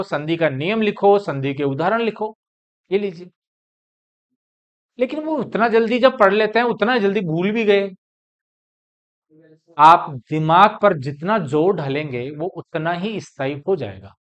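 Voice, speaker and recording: A man's voice: high voice, fairly bright tone. A middle-aged man teaching Hindi grammar as a classroom lecture, asking questions and answering them himself. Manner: explains step by step, asks and answers his own questions.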